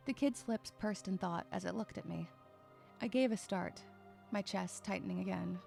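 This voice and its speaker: A woman narrates a first-person audio drama in the role of a sarcastic, irritable young loner with a troubled streak, her delivery sighing and expressive. The voice is mid-range with vocal fry at a moderate pace, set against soft background music, and the mood broods.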